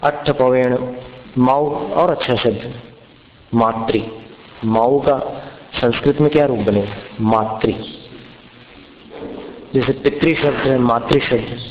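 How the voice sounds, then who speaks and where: Guy teaching how to chant verses, super slow, echoey hall, kinda muffled. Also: mid-range voice, a little hiss or hum. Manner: chants verses slowly, then explains pronunciation. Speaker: religious teacher. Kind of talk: slow recitation lesson on pronunciation. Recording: echoey hall, dull lo-fi sound.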